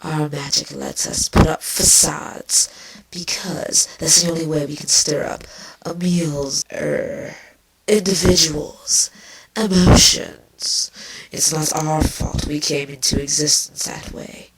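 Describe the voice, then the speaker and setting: A woman voicing a proud, bitter and defensive changeling insect queen, with a haughty, drawn-out delivery. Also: low-pitched, steady tone, gravelly, slight background noise, exaggerated voice, low-quality recording. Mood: defensive, indignant. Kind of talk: fan fiction voice acting.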